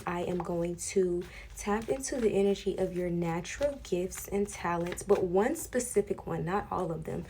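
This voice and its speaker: Mellow low-voiced woman reading tarot casually. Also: a little hiss or hum. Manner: chatty, informal, addresses viewers directly. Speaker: tarot reader hosting an online pick-a-pile reading. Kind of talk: casual spiritual card reading to viewers.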